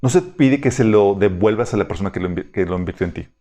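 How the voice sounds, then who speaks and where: A man's voice: on the low side, lively intonation, fast, mellow. Man, Bible study teacher, conversational, reads scripture aloud, asks if listeners follow.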